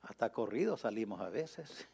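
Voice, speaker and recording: A man preaching a sermon as a pastor, swinging from quiet, confiding asides to loud, impassioned climaxes, speaking to radio listeners. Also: fairly low pitch, big pitch swings, moderate pace, creaky, breathy edge. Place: radio broadcast.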